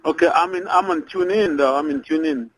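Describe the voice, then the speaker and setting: A man's voice: on the high side, brisk. A man chatting casually as a phone-in guest on live radio, informally repeating his phrases. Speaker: cafe owner calling in as guest. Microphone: phone call.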